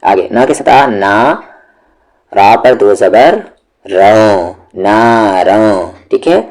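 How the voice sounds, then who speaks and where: A man leads a step-by-step tajweed lesson, his voice sitting low. He talks very slowly, stretching each syllable as he drills it with patience. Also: darkish tone. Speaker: Quran recitation teacher.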